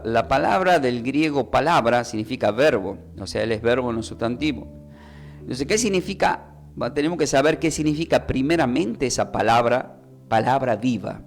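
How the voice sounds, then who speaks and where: Man teaching a radio Bible lesson. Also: medium pitch. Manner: teacherly, asks and answers own questions; repeats words slowly when explaining. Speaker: preacher.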